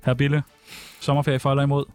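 A man's voice: mid-range voice, completely flat delivery, darkish tone, faint music behind. A man hosting a chat show, teasing and quizzing his guests. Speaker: podcast host. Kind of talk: casual chat.

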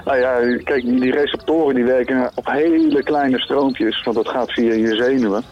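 A man explains science in a patient, plain way and pauses with small fillers. Faint music sits low behind him. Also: steady tone, highs cut off. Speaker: science expert. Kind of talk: explaining chemistry casually.

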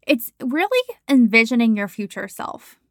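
A woman's voice: on the high side, sing-song, moderate pace, no room sound. Chatty woman in her thirties, dry sound. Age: 30s. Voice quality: chatty, frequent "like" and "you know". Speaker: podcast host and coach. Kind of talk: casual podcast monologue.

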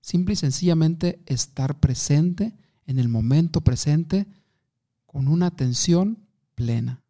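A man's voice: a little high, slow pace, mellow. A man giving an instructive talk on communication, asking the listener questions and telling short anecdotes. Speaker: communication coach.

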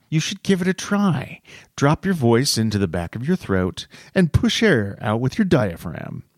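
A man's voice: medium pitch, no room sound, studio quality. A man giving scripted, playful narration in a theatrical radio voice that speaks straight to the listener. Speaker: show segment narrator.

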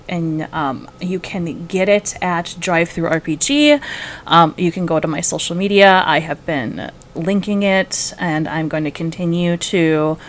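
Woman with a lowish voice, chatting informally. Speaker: game writer and podcast panelist. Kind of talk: casual podcast chat, plugging own work.

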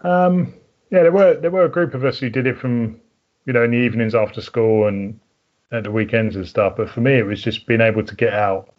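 A podcast guest and mountain biker, this middle-aged southern Englishman speaks briskly in a mid-range voice with a home counties accent. The audio's highs are cut off, and he chats informally, pausing to think aloud.

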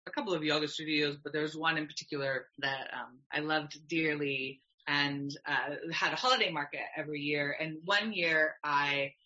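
A woman tells a personal story in a conversational way. Her tone is bright and forward. The sound is slightly dull and lo-fi, as in a band-limited recording. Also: low voice, fairly even intonation, normal speed, few pauses. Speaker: podcast guest, nutrition practitioner.

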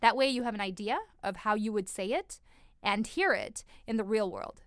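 A woman's voice: medium pitch, moderate pace, fairly bright tone, clear, resonant tone, dry recording, studio quality. A woman co-hosting a language lesson, conversational and explanatory in her delivery. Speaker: Urdu lesson podcast host. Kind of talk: casual co-hosted language lesson.

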